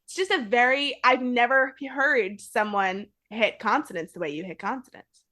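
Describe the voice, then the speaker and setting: A woman's voice: on the high side, normal speed, sharp tone. A young woman hosting a podcast, chatting casually with a friend, laughing often and saying "like" a lot. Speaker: podcast host. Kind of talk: casual chat.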